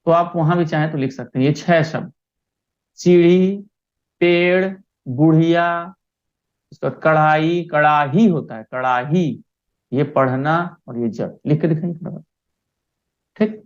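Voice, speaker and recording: A man's voice: a little high, moderate pace. Patient teacher man on a lo-fi video call. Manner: patient, keeps checking understanding. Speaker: primary school teacher. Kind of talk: online class lesson.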